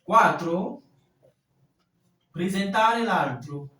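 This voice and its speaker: A man teaching a language class, explaining exercises slowly and deliberately, step by step. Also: high voice, animated, pushed and bright. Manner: slow, deliberate, spelling out each step. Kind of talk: classroom instruction. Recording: echoey room from a distance, faint hiss.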